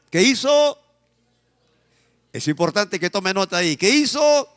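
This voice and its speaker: A man's voice: sits high, fairly bright tone, clear, resonant tone, big-room sound. A man with a Peruvian Spanish accent preaching a sermon as pastor, emphatic, drawing out his phrases and calling on the congregation to repeat after him.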